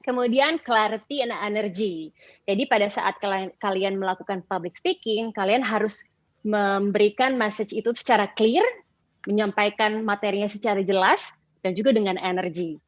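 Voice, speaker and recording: A woman's voice: medium pitch, normal speed, no echo, dull audio. Upbeat woman coaching public speaking. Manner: upbeat, explanatory, with frequent "eh" and "em" fillers. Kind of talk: instructional talk to teens.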